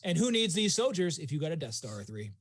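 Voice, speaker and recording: A man co-hosting a fan podcast, rattling off his opinions at a quick clip. His voice sits a touch high, and he talks in an easy, casual way, full of quick asides. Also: big pitch swings. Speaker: podcast co-host.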